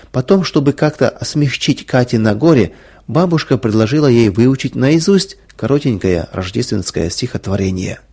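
Husky-voiced man narrating a story. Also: mid-range voice, a little mellow.

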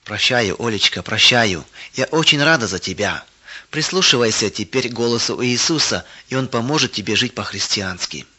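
A devout older woman speaks gently and soothingly in a storybook reading, voiced by a man. The tone is bright, and the recording sounds slightly dull. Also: mid-range voice, expressive, normal speed, slightly rough, exaggerated voice. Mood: gentle.

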